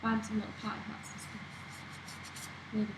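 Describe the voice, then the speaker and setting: A woman's voice: mid-range voice, completely flat delivery, unhurried. A young woman reading out viewer questions in casual chat, teasing and offhand. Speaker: flight attendant, partner reading questions. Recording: echoey room with noticeable background noise.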